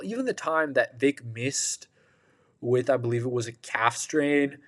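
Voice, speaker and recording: A man talks through his sports opinions slowly and casually, sounding worn out. His voice sits at an ordinary pitch, and he stretches his words at a relaxed, unhurried pace. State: tired, yawning. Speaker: podcast host.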